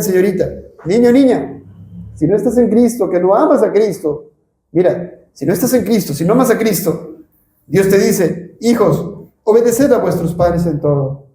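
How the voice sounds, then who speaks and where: A man's voice: high-pitched, warm tone. A man with a Peruvian Spanish accent preaching a sermon, earnest and pleading, repeating phrases for emphasis. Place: church hall. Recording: echoey church hall.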